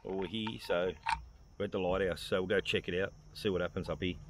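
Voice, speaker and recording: A man's voice: low-pitched, fairly even intonation, a little fast. A middle-aged man chatting casually to the camera in short, offhand, laconic phrases. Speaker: motorbike vlogger. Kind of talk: casual off-the-cuff vlog chat. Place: outdoors, on and around a motorbike. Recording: loud engine, traffic and handling noise.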